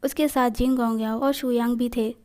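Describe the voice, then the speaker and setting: A woman reads a fan fiction story aloud at an even, steady pace. Her voice sits fairly high, with a dark, mellow tone. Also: moderate pace.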